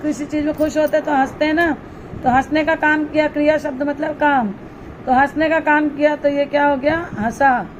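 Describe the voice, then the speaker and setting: A woman teacher going slowly through a primary school Hindi textbook exercise. She spells words out syllable by syllable and asks questions that she answers herself. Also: high-pitched, a little hiss or hum, rough recording. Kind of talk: slow classroom walkthrough of a textbook exercise.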